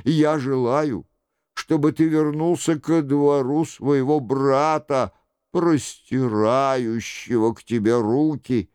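A man voicing a scheming aging queen mother, slow and pleading in a coaxing way. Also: medium pitch, steady tone, a little mellow, smooth, no echo, lightly acted.

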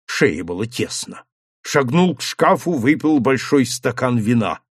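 Мужчина живо читает рассказ. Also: male voice, medium pitch, measured pace, husky, no room sound, studio quality. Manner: dramatic, animated storytelling. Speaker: narrator. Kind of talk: expressive audiobook reading.

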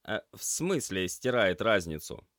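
Man doing a sleepy grumpy young guy, grumbling, a bit higher than his usual voice, dry close sound. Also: sing-song, unhurried, fairly bright tone, no room sound. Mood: weary. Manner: weary, grumbling. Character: tired grumpy young male paramedic trainee.

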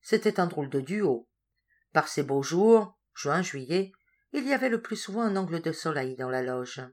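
A woman narrating a literary story in a measured, expressive reading voice. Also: low voice. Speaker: audiobook reader. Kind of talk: scripted narration.

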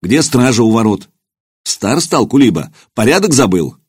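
A man's voice: mid-range voice, very animated, moderate pace, a little mellow, breathy edge, no room sound, studio quality. A man doing a stern young prince warrior. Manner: curt, commanding.

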